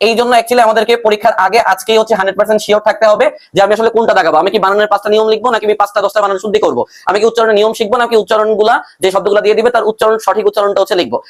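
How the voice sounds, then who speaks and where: A young man teaching a brisk online exam-prep lesson, repeating his points and mixing English words into his speech. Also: sits high.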